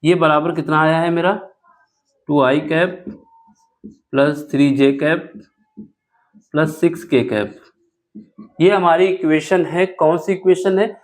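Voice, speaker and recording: A man's voice: a little high, fairly even intonation, slow, pauses often. A man teaching a board-exam math lesson step by step, asking questions and answering them himself. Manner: asks rhetorical questions and answers them, self-correcting aloud.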